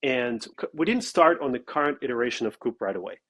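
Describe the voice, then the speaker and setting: A man's voice: medium pitch, expressive, quick pace, a bit bright. Founder guest, man, blunt and emphatic, mid-range voice. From Russia. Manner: blunt and emphatic, with frequent "okay?" asides. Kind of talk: casual interview talk.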